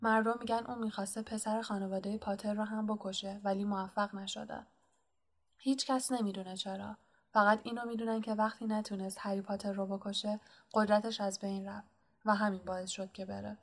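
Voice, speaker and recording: A woman's voice: mid-range voice, steady tone, lightly acted. A woman voicing a stern, anxious older female witch professor in an audiobook, talking earnestly and pressing with questions. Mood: distressed. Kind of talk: audiobook character reading.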